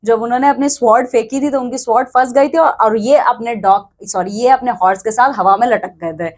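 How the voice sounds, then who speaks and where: A woman's voice: a little high, a little fast. A woman teaching an English textbook lesson to students, explaining step by step, counting aloud and often checking they follow.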